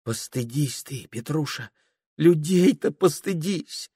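A worried, pious mother, as a man puts her on, speaking softly in a raised, pleading voice. The sound is close and dry. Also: on the high side, lively intonation, normal speed, gravelly, slightly rough, no room sound, voice pushed up, exaggerated voice. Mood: plaintive. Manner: plaintive, pleading, soft. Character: anxious pious middle-aged mother.

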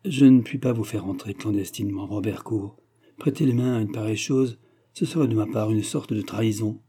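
A man's voice: lowish voice, a little fast, warm tone, husky. A man voicing an anxious, scrupulous young woman in an audiobook, speaking earnestly and pleadingly. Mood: firm.

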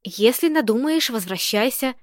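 A woman's voice: on the high side, expressive, moderate pace, no echo, natural voice. A woman reading the lines of a fussy, talkative old landlady who chatters and frets, in a dry, close-sounding recording. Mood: fretful. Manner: chattering, fretful.

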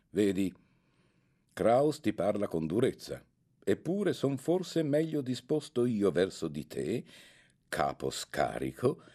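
A man's voice: deep voice, warm tone. A man reading the part of a stern young male schoolmate who lectures harshly and admonishes. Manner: severe, admonishing.

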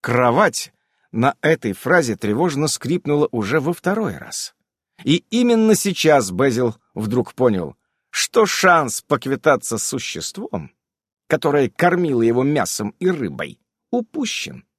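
A man's voice: mid-range voice, very animated, measured pace, breathy edge, no room sound, studio quality. Man reading a story with animation. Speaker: audiobook narrator. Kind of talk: expressive audiobook narration.

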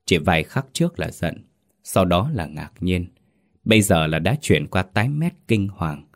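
A man with a very low voice narrates a folk ghost story. He reads slowly and steadily, in a measured storyteller's delivery. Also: big pitch swings.

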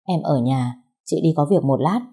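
A woman's voice: sits low, normal speed, dark tone, breathy edge, exaggerated voice. A woman voicing a worried but firm older sister who shields her younger sibling.

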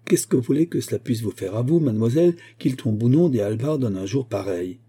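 A man's voice: lively intonation, fast talker, warm tone, breathy edge. A man voicing a fussy, doting old female nurse who rambles on in a fairy-tale audiobook. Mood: fussing doting. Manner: fussy rambling, raised pitch.

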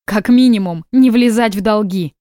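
A woman's voice: medium pitch, normal speed, dry recording, clean studio sound, close to an everyday voice. A woman reading a tired, defiant young wife who speaks sharply and indignantly, in an audiobook. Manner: weary, then sharp and indignant.

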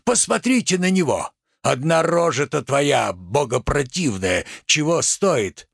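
A man plays a pompous, wrathful provincial tragedian who rants in grand, drawn-out phrases, his pitch leaping wildly. The voice is gravelly and husky, recorded dry and close. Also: big pitch swings, no echo, heavily acted. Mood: grandiloquent. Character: pompous ranting provincial tragic actor, man. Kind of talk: reading a stage play aloud.

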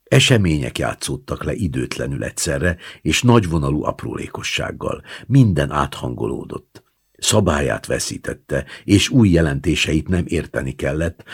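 A man reading a literary short story aloud in a measured, hushed way, at times dropping to a whisper. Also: a bass voice, gravelly, slightly rough. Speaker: audiobook reader.

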